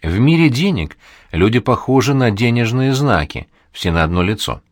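A man's voice: mid-range voice, sing-song, moderate pace, no room sound, clean studio sound. A man voicing a gloomy, wry middle-aged man. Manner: terse, wry, sighing.

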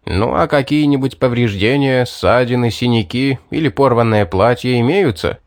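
A man doing a weary, gruff town judge. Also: mid-range voice, normal speed, no echo, studio quality, lightly acted. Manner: gruff, sighing and matter-of-fact. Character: weary, blunt middle-aged town judge.

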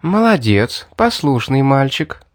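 A man's voice: fairly high pitch, animated, moderate pace, dry recording, studio quality, pitched above the performer's own voice, natural voice. A man voicing a scheming young woman from a fantasy audiobook who coaxes, mocks and threatens. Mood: mocking. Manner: mocking, coaxing and threatening. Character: scheming young woman, sweetly coaxing and cold.

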